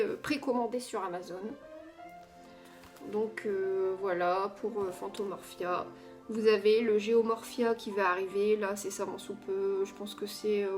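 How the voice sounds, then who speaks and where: Chatty woman. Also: fairly high pitch. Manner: chatty, with frequent hesitant fillers. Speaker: coloring book vlogger. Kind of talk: casual product haul video.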